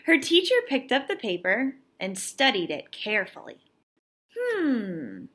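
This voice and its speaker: A young adult woman, a teacher reading a picture book aloud to children with expressive, emphatic delivery and teaching asides. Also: on the high side, normal speed.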